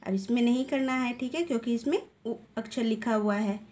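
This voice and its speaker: A woman's voice: on the high side, a little mellow. Patient woman teaching small children. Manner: patient and slow, repeats "okay" and draws out vowel sounds. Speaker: primary school teacher. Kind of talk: recorded lesson for young children.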